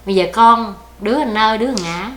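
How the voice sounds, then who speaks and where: Older woman, Southern Vietnamese accent, quick rambling speech, echoey room, faint noise. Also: fairly high pitch. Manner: plaintive, rambling storytelling. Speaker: interviewee. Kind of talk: oral history interview.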